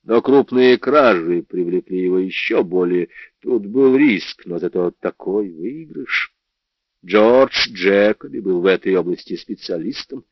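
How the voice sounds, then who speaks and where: Male audiobook narrator, low voice with lively pitch, dull dry lo-fi sound. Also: measured pace, no echo. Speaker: audiobook reader. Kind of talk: first-person novel narration.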